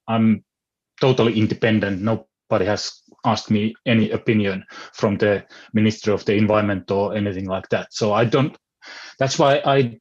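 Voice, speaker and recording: A native Finnish speaker from Finland, this man talks with a Finnish accent in a fairly low, steady voice at normal speed. As a philosopher on an online panel, he speaks hesitantly, often restarting while he searches for words. The call audio is dull and lo-fi.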